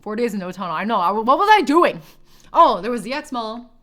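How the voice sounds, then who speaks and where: A woman's voice: fairly high pitch, very animated, brisk, fairly bright tone. A woman in her late twenties, a streamer, chatting casually and rambling, giggling often and swearing offhand. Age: 20s. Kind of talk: casual chat with live chat.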